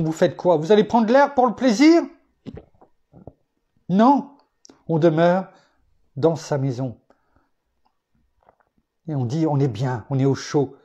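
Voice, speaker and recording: A male preacher from France delivers a sermon in a warm, mellow voice. He teaches reflectively, weaving in personal anecdotes. He stresses key points by lifting his pitch emphatically.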